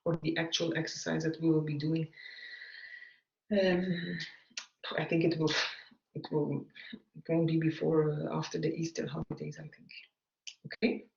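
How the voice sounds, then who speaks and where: A man, an English speaker, giving a recorded navigation lecture in a halting way, with frequent fillers. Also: a little high, level tone, gravelly, a little mellow. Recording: echoey room, dull lo-fi sound.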